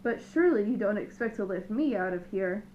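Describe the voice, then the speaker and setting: A woman's voice: medium pitch, lively intonation, a little fast, a little hiss or hum, close to an everyday voice. Jolly boastful male elephant read by a woman, storybook read-aloud, chuckling, muffled recording. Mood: grateful. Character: big cheerful self-satisfied male elephant.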